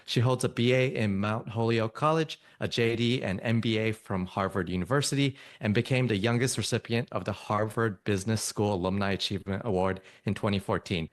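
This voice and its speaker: Low-voiced male podcast host. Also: brisk, few pauses. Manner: read-aloud introduction, friendly. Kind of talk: podcast interview.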